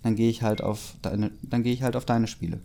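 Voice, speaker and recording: A man's voice: mid-range voice, fairly quick, creaky, warm tone, close to an everyday voice. A man reading the lines of a grumpy, easily annoyed teenage girl in his own plain voice, sulky and sarcastic. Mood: resigned.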